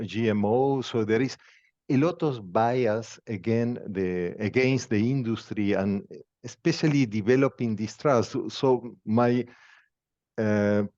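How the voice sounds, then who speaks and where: Man, Argentine Spanish accent, podcast host, measured pausing speech, dull lo-fi call audio. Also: on the low side, a little mellow. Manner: measured, non-native phrasing with pauses. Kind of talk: conversational interview.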